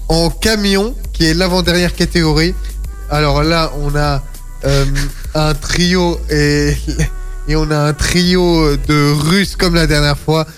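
Slow, hesitant man reading results. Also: fairly high pitch, steady tone, faint music behind. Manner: hesitant, many fillers, stumbling over names. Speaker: radio co-host.

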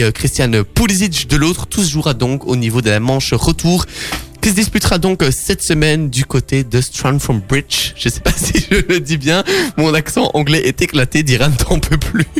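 A man with a somewhat high voice hosts a sports show on the radio. He chats loosely, fills pauses and laughs easily. Faint music plays beneath him in the studio. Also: lively intonation, fairly bright tone. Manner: chatty, laughs often, many fillers. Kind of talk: casual radio sports chat.

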